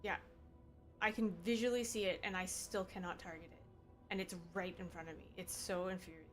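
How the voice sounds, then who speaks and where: A woman's voice: on the low side, fairly quick. A woman from Canada hosting her gaming stream, chatting casually and bluntly with her teammates. She laughs often, and faint music sits under her voice.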